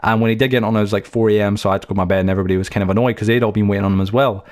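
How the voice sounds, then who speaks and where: A young man talks quickly through a let's-play tour of his game world. His voice sits low, and he rambles from story to story with plenty of fillers and restarts. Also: steady tone, a little mellow. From United Kingdom. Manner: chatty, anecdotal, many fillers and restarts. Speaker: gaming channel host.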